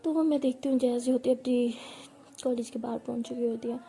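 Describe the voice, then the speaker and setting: Dark-voiced woman telling a love story. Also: a little high, fairly even intonation, quick pace, a little hiss or hum. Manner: tender, intimate, voices both partners in the story. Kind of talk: first-person love story narration with acted dialogue.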